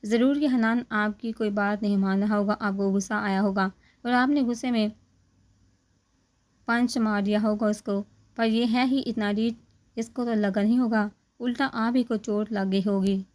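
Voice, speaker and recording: A woman doing a joking young guy, teasing and chatty, flat even voice. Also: medium pitch, normal speed, natural voice. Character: joking talkative young man, teasing friend.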